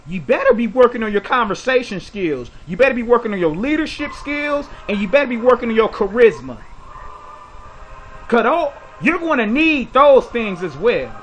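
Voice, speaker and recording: A man with a high, bright voice hosts a commentary video, delivering an opinionated monologue. He's preachy and blunt, lecturing with rhetorical questions. The recording is rough with slight background noise.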